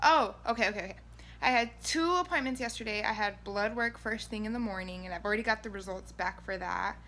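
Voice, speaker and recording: A woman's voice: medium pitch, fairly quick, a bit bright, slight background noise. A woman vlogger chatting casually and informally, rambling along and questioning herself as she talks. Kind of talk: casual chat to camera.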